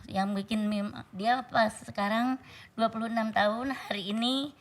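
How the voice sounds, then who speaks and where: A middle-aged woman speaks on a TV talk show as the guest's mother. She answers in plain, halting phrases that often break off and start again. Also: on the high side, fairly even intonation. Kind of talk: casual chat. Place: TV studio.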